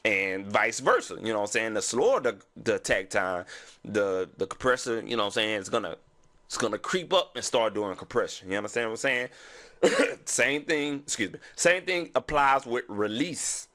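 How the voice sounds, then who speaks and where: A man with a Southern US Houston accent casually explains music production in a screen-recording tutorial, repeating "you know what I'm saying" over and over. His voice is on the low side, expressive and a bit bright, sounds stuffy from his sinuses, and moves at a normal speed.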